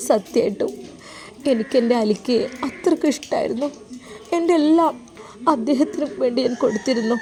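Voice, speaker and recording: A woman's voice: high-pitched, mellow. A woman playing a heartbroken young wife who speaks tearfully and bitterly about her husband. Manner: tearful, complaining.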